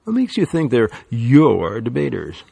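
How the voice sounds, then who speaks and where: A man's voice: medium pitch, huge pitch swings, measured pace, creaky, dark tone, breathy edge, heavily acted. A man reading an audiobook, voicing a smug, scheming teenage boy who teases with a patronizing drawl.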